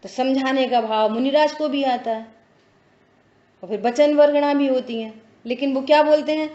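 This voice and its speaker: A woman's voice: high-pitched, normal speed, dark tone. A woman giving a religious discourse who explains patiently, repeats her phrases, and asks whether listeners follow. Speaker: spiritual teacher. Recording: echoey dull lo-fi room.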